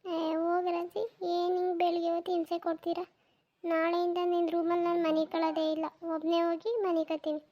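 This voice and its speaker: A drowsy, whining village boy in a cartoon, voiced by a woman. The voice sits very high and drags when he pleads for more sleep. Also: completely flat delivery, brisk, muffled recording. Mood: grumbling. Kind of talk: cartoon voice acting.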